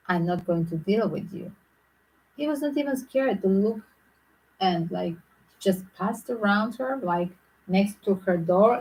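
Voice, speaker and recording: A woman tarot reader talking to her viewers in a loose, rambling way, often filling pauses with "like". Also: mid-range voice, husky, poor audio. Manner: rambling, frequent "like" fillers. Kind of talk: casual speculative monologue to viewers.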